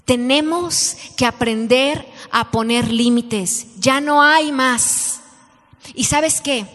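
A middle-aged woman gives a sermon to a gathering of women. Her voice sits high, and it rings with the long reverb of a big hall. She tells stories and keeps asking the audience questions. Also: slow, fairly bright tone. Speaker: women's ministry speaker.

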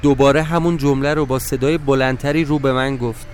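A man narrating a first-person story for a podcast in a calm, measured, matter-of-fact way. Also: medium pitch, a little hiss or hum.

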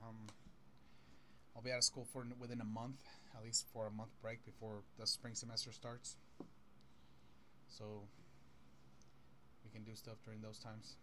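A man's voice: lowish voice, pushed and bright, slight background noise. A man co-hosting a casual podcast in an easygoing, playful way. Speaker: podcast co-host. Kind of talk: casual chat.

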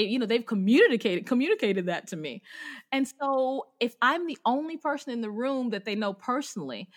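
A middle-aged woman, a teacher, talking candidly as a podcast guest and acting out her classroom voices with bursts of laughter. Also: medium pitch. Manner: animated storyteller who acts out her classroom voices with laughter. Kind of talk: candid conversational interview.

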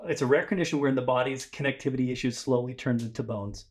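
A man co-hosting a casual podcast. His pitch sits in the middle range, and he rambles, jokes and trips over his words as he explains things. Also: fast. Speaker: podcast co-host. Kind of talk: casual chat.

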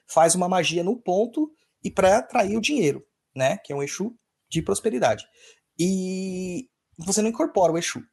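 A man's voice: high voice, slightly rough. A man who hosts a podcast, casually explaining spiritual practice to the listener, often repeating key phrases and checking in with "tá?" and "entendeu?". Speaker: spiritual teacher and podcast host.

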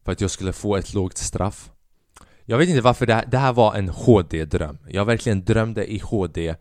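A podcast host in his twenties delivers a casual solo monologue, rambling restlessly, swearing often, and mixing in English phrases. His voice is fairly low-pitched and darkish, recorded at studio quality without echo.

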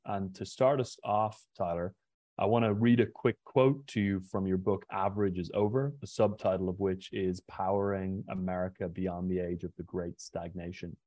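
Irish man, young, podcast host, very low voice, dry close sound, earnest questions. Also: warm tone, no room sound. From Ireland. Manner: earnest, reads prepared questions, repeats words. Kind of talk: interview.

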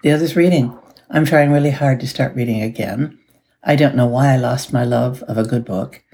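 Gravelly-voiced woman podcast host. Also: very deep voice, fairly quick, warm tone. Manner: chatty and upbeat, with little laughs. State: groggy early-morning voice. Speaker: podcast host and life coach. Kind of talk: casual solo podcast talk.

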